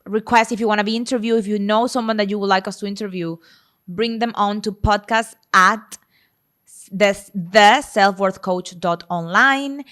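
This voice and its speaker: A woman in her thirties hosts a podcast and works as a self-worth coach, chatting casually in an encouraging, plain-spoken coaching tone. Her voice is medium in pitch, a little bright, and moves at a moderate pace.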